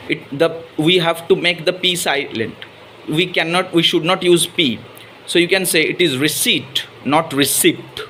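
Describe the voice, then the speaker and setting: A man's voice: fairly high pitch, sharp tone, slight background noise. Odia-accented man teaching English pronunciation. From Odisha, India. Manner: mixes Hindi into English, repeats "right?". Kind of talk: spoken English lesson.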